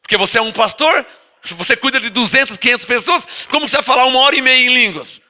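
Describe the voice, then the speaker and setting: Preaching to a congregation, this apostle speaks with a Brazilian Portuguese accent and an extremely high, bright, forceful voice. He lingers slowly over each scripture reading, then explains the passage with emphasis and needles his listeners with rhetorical questions in this Bible-teaching sermon.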